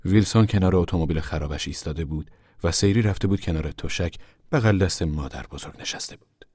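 A man reads a novel aloud in a soft, hushed, measured way. His voice is very deep and husky, and the recording is dry and close, with no room sound at all. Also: dry recording. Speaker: narrator. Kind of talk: audiobook narration of a novel.

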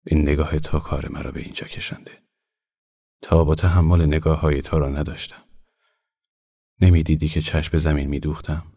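A man's voice: extremely low pitch, level tone, vocal fry, long pauses, mellow, heavily acted. A man voicing a shy, ardent painter murmuring. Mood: tender.

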